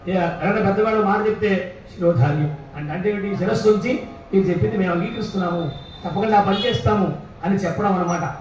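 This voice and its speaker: A man serving as temple priest, chanting mantras slowly in a sung voice and explaining the ritual quickly in between. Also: high voice, darkish tone, slight background noise. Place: temple hall during a ritual. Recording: very echoey, voice from far off.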